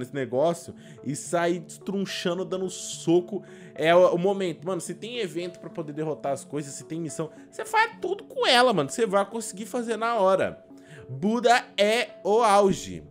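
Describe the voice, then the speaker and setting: Young man, Brazilian accent, slightly high pitch, expressive slangy gamer commentary, faint music behind. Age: young adult. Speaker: gaming YouTuber. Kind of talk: casual reaction commentary. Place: small indoor room at a desk.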